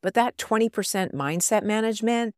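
A woman's voice: mid-range voice, fairly quick, no echo, clean studio sound. A woman in her fifties or older hosting a podcast, talking in an upbeat, encouraging and informal way. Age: 50s or older. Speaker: podcast host and life coach. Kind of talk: podcast monologue.

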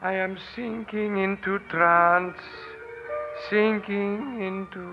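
An actor playing a sly, pompous fake swami with a solemn, formal, theatrical manner in an old radio drama. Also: male voice, high-pitched, steady tone, slow, music in the background. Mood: solemn, trancelike. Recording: dull, noisy old radio recording.

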